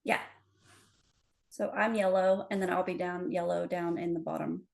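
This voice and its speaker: A woman's voice: lowish voice, fairly even intonation, normal speed, gravelly, a little mellow. Easygoing woman co-presenter, narrates her edits as she works through a demo.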